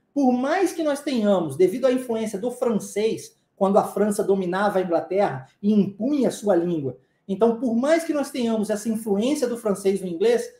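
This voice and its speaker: A man's voice: extremely high pitch, dark tone, echoey room. A man with a Brazilian Portuguese accent teaching an English lesson, explaining emphatically and often checking in with the listener. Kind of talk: online language lesson.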